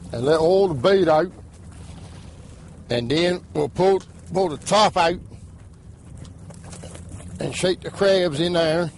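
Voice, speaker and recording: A crab fisherman with an explains his work plainly. He speaks slowly, in a rather high voice. Faint boat and water ambience sits behind him. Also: a little mellow, a little hiss or hum. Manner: plain, unhurried talk. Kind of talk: casual explanation.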